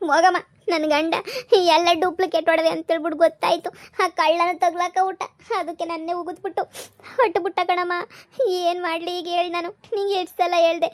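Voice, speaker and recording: A woman's voice: high voice, darkish tone, close to an everyday voice. A woman playing a tearful young married daughter who complains and pleads, in a comedy skit. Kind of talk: village comedy skit acting.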